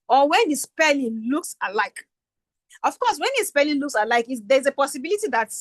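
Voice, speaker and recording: A woman's voice: sits high, a bit bright, no echo. Nigerian woman teaching a workshop, dry sound. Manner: conversational, checking in with "right?". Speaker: workshop facilitator. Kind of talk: online teaching session.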